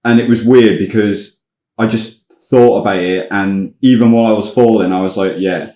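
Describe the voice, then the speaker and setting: A man in a band, telling tour stories in a relaxed, sweary way during casual podcast chat. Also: lowish voice, moderate pace, roomy sound. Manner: sweary, laid-back storytelling. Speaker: band member.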